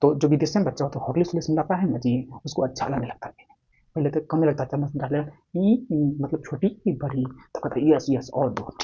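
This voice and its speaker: A man's voice: a little high, slightly rough, lo-fi sound. A man with a Bihari accent teaching Hindi grammar in a playful classroom style, full of memory tricks and questions to his students. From Bihar, India. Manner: animated, playful, jokes and asks students questions.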